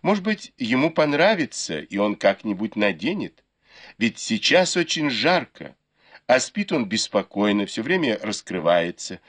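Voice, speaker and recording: A man voicing a gentle, patient young maid who speaks quietly and politely. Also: medium pitch.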